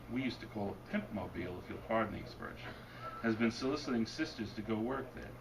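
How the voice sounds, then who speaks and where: At a bookstore event, an author with a low, gravelly voice reads his hard-boiled fiction in a dry, deadpan, wry manner before taking questions. He's losing his voice, the distant mic picks up a noisy room, and the audience laughs.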